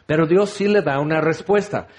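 A man preaching a sermon, lively and animated, acting out quoted voices as he goes. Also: a little high, normal speed.

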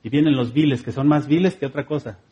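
A man's voice: mid-range voice, fast, muffled recording. A man with a Mexican accent preaching a sermon in a conversational, humorous way, repeating phrases rhythmically.

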